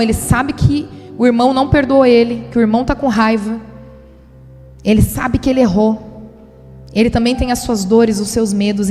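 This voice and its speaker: A woman's voice: on the high side, mellow. A woman pastor in her thirties giving a sermon testimony, telling her story with animation and acting out her own thoughts. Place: church conference hall. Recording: live church recording with long hall reverb.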